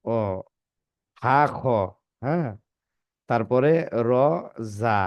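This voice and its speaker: Slow, deliberate male tajweed teacher. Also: medium pitch, dry recording. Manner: slow, drawn-out recitation with frequent questions to students. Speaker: Arabic pronunciation teacher. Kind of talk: classroom lesson, reciting letters.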